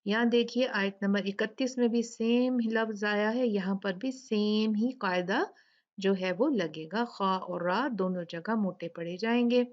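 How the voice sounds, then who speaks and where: A woman gives a recitation lesson at a very unhurried pace. She explains each rule and then draws out the recited words one by one. The recording sounds dull and lo-fi. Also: medium pitch. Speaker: Quran recitation teacher. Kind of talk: tajweed lesson with slow demonstration recitation.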